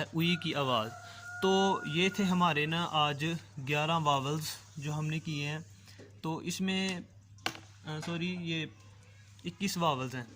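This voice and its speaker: A man's voice: fairly high pitch, fairly bright tone, a little hiss or hum. A man teaching a language class, patiently drawing out and repeating each sound and checking that the listener follows. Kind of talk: online language lesson.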